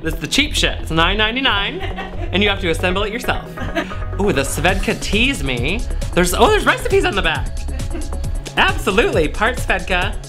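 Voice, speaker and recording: A man's voice: high voice, big pitch swings, normal speed, over music. A man in his thirties, a sassy, campy drag queen host chatting casually and comically, a little tipsy. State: tipsy from drinking. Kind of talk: casual comedic chat while playing a game. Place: small indoor set with foil backdrop.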